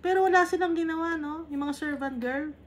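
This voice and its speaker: A woman from the Philippines teaches a Bible lesson in a fairly high voice. She reads each English verse aloud and then unpacks it in relaxed, chatty Tagalog, tossing in quick tag questions as if talking with a small group. A faint hiss of background noise sits under the recording.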